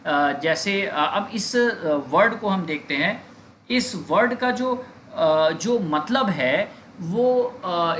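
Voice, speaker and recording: Slow echoey man teaching vocabulary. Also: high-pitched, pushed and bright, a little hiss or hum. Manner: slow, repetitive drilling of words with many fillers. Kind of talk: Hindi-English vocabulary lesson. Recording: echoey room with faint ambience.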